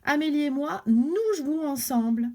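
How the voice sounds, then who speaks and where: A woman's voice: high voice, normal speed, a little mellow, voice pushed up. A woman voicing a cheerful mother speaking to children in a playful, raised voice.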